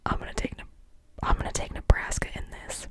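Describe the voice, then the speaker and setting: Midwestern host whispering football picks asmr style, all hushed and breathy, lots of ums, right up on the mic. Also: a little fast, poor audio. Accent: Midwestern American. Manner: soft unvoiced whisper, rambling with many ums and restarts. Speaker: sports channel host. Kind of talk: whispered ASMR sports talk.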